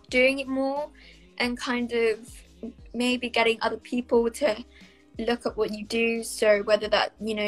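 Speaking a little high, an actress guest from South Wales with a Welsh accent fields interview questions over a video call on her laptop webcam. She's in a small bright room indoors, casual and thoughtful with plenty of fillers and hedges, and the audio is poor.

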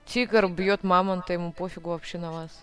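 A woman's voice: on the low side, steady tone, fairly quick, music in the background. A woman talks casually during a game. She acts as a spotter, giving her teammates brief directions and observations in short phrases. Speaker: video game player guiding teammates. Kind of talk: casual gaming chat.

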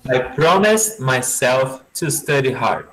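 A male English teacher who speaks slowly and deliberately, at a middling pitch. He teaches an online class over a video call and patiently repeats each word and phrase for his students. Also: animated, a bit bright, low-quality recording. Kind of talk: online language lesson.

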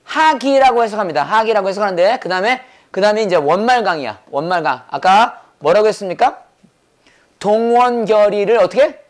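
Brisk Korean English teacher quizzing. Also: male voice, sits high, expressive. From South Korea. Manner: quizzing with rapid rhetorical questions; brisk, repetitive drilling. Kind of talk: classroom lecture.

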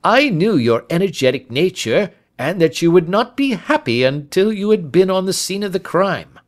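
A man's voice: sits high, sing-song, normal speed, pitched above the performer's own voice. A man voicing a lean, sly, self-satisfied Scotland Yard inspector in an audiobook, with a cocksure, indulgent manner. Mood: eager.

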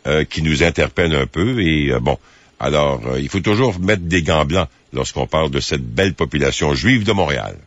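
Deep, measured radio host. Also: male voice, animated, no echo. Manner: measured, hesitant with many fillers. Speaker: late-night radio host. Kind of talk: phone-in radio talk. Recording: muffled broadcast audio.

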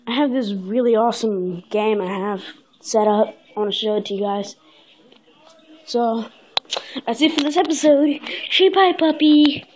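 A woman's voice: medium pitch, a little mellow. A woman vlogging in a casual, rambling way, upbeat and full of fillers. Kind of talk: casual vlog chat.

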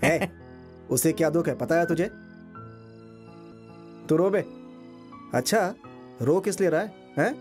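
A rough street tough who mocks a drunk friend, speaking slowly. His voice is fairly high, with faint music behind. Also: expressive, a little mellow. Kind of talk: Hindi film dub.

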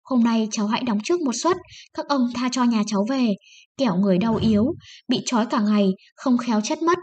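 A woman's voice: on the high side, animated, fairly quick, darkish tone. A woman voicing a poor, desperate peasant wife who pleads and sobs, raising her voice above her reading tone. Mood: sobbing. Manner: pleading, sobbing.

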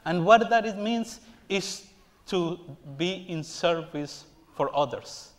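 Slow, high-voiced priest preaching. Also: male voice, animated. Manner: slow, earnest preaching with playful self-mocking jokes. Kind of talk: homily. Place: large church sanctuary, standing before the altar. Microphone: far camera at the back of the church.

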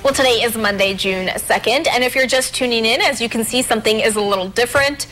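A woman's voice: a little high, fast, fairly bright tone, faint music behind, low-quality recording. A young woman anchoring a morning TV show, reading a history segment and bantering in a bubbly, self-mocking way.

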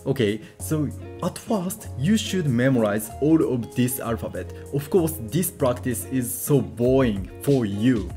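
A man with a Japanese accent teaching a casual language lesson, repeating syllables slowly for drills and saying "okay" often. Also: medium pitch, animated, warm tone, faint music behind.

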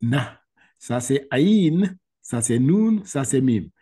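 Slow, husky man teaching letters. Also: mid-range voice, very animated, dark tone. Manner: patient, repeats letters slowly for the student. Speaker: Quran reading teacher. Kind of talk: online one-on-one lesson. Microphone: video call.

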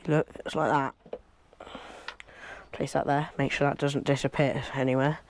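A man's voice: medium pitch, level tone, normal speed, a little hiss or hum. A young man from England chatting casually to camera as he works in a cluttered wooden shed, recorded on a clip-on lapel mic, rambling as he goes. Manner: chatty, rambling, talks while working with hands. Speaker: fishing vlogger. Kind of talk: casual vlog commentary.

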